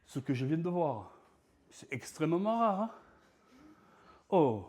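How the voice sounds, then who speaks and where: A man voicing an excitable male radiologist with a strong Italian accent, exclamatory and sing-song. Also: fairly high pitch, slow pace, pitched above the performer's own voice. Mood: ébahi.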